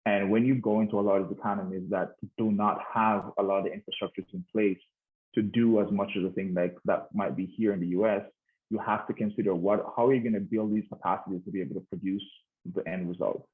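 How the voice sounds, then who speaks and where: A man's voice: fairly low pitch, fairly even intonation, fast. A man in his thirties giving a conference talk, hesitant, with many restarts and fillers. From Jamaica. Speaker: conference speaker. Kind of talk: informal presentation. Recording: tinny phone-like line.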